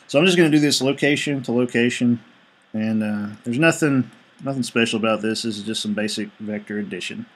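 A man's voice: mid-range voice, brisk, slightly rough. A male engineering instructor giving a screencast lecture, explaining each step evenly and reading out numbers as he works.

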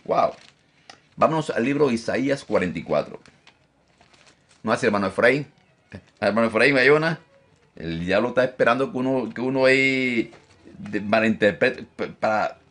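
A man preaching a Bible lesson, animated, repeating phrases for emphasis and mimicking objectors. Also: mid-range voice. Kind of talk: live-streamed Bible teaching.

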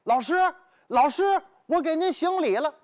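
A man voicing an eager, deferential Qing courtier in traditional storytelling, calling out loud, ceremonious salutations. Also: very high voice, lively intonation, normal speed. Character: eager, deferential male Qing courtier greeting his teacher.

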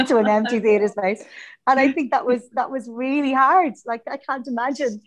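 A woman's voice: high-pitched, normal speed. Echoey woman director on a call. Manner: reflective, animated, laughs easily. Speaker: theatre director. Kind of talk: video call interview. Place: small empty classroom, echoey. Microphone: video call.

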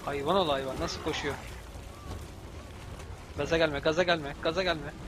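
A young Turkish man doing let's-play commentary, yelling and cursing at the game in exasperation. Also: fairly high pitch, steady tone, normal speed, background noise. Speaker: gameplay commentator.

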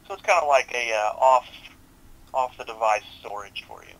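A young man working tech support speaks over a headset on a video support call, politely and informally guiding a customer through steps. His mid-range voice moves at a normal speed with a fairly bright tone, though the recording is rough.

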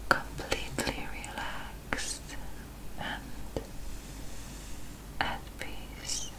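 A woman guiding an ASMR relaxation hypnosis in a whisper, with a slow, soothing hypnotist delivery and long pauses. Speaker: hypnosis guide.

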